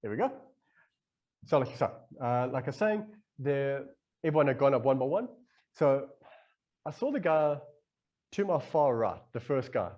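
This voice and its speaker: Mellow-voiced man telling a rambling story. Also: medium pitch, normal speed, long pauses, muffled recording. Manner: rambling, animated retelling that acts out his own inner voice. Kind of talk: casual podcast storytelling.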